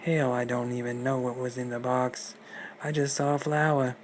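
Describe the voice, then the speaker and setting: A man's voice: mid-range voice, level tone, moderate pace, slight background noise, lightly acted. Cheeky red-hooded girl, as a man puts her on. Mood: questioning. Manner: blunt, slangy, questioning.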